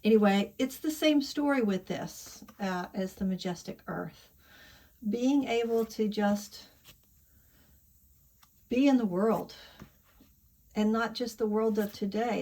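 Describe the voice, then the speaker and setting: A woman chatting to her camera as a tarot vlogger, candid and a little rambling. Her voice sits at an ordinary middle pitch. She drifts between thoughts and lets some lines trail off softly. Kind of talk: casual chat.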